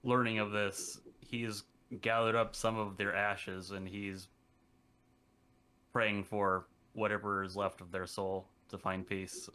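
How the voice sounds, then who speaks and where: A man playing a tabletop game, thinking aloud about his character's feelings in a relaxed way. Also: lowish voice, slow, smooth. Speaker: player. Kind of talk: casual tabletop play.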